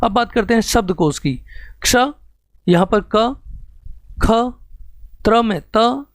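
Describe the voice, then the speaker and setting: A man's voice: high-pitched, takes it slowly, dry recording. A man teaching an exam-prep grammar lesson, explaining step by step and reading out examples one at a time.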